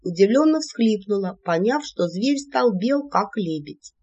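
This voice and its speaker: An audiobook narrator telling a fantasy story in a lively, playful storytelling manner. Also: medium pitch, a little slow, breathy edge. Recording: dull lo-fi audiobook recording.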